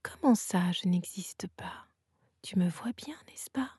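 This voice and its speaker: A woman voicing a gentle, wise female unicorn in a whispered role-play, soft and teasing in tone. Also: medium pitch, a little slow, husky, no room sound, studio quality.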